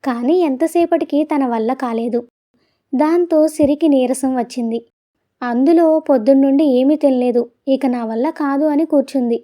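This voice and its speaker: A woman tells a romantic audio story in gentle, expressive scripted narration. Her voice is high. Its tone is mellow and warm. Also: moderate pace.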